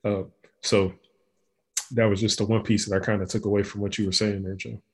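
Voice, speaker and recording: A man's voice: on the low side, flat delivery, brisk, breathy edge. A man co-hosting a podcast, talking in a loose, rambling way with many restarts. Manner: rambling, frequent restarts and fillers. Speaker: podcast co-host. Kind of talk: casual conversation.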